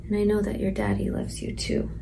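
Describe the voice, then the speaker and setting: A woman playing a pregnant sixteen-year-old girl in detention, speaking softly and slowly in a stage monologue, some lines whispered. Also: mid-range voice, monotone, creaky, background noise. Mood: tender. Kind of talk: stage monologue, letter to her unborn baby.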